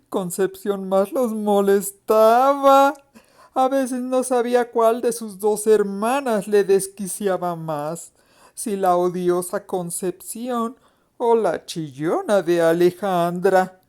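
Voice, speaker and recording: A woman narrating a mystery story in a slow, expressive, suspenseful reading. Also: medium pitch, clean tone.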